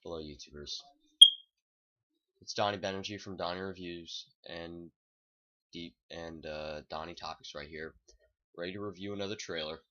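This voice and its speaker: Man, very low voice, home vlog reviewer, rambles and restarts a lot, dull lo-fi camera sound. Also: moderate pace, pauses often. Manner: rambling and excitable, many restarts. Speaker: video reviewer. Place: at home indoors. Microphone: camera set down nearby.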